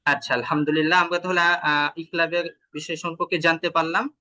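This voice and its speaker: Male Quran teacher, Bangladeshi Bengali accent, bright, slightly high voice; patient explanations, slow chanted examples, over a video call. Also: level tone. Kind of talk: online tajweed lesson.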